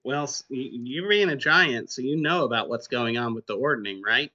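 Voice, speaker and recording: Very bright, forceful male gamer. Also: mid-range voice, moderate pace. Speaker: tabletop game player. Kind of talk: casual game discussion. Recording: slightly dull, muffled audio.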